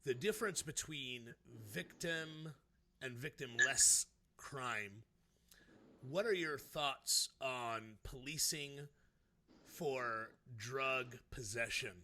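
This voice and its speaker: A man with a strikingly bright, forceful voice at an ordinary pitch hosts an interview. He speaks slowly and haltingly, doubling back on words as he works toward his point. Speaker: interviewer, host. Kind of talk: interview, conversational opinion.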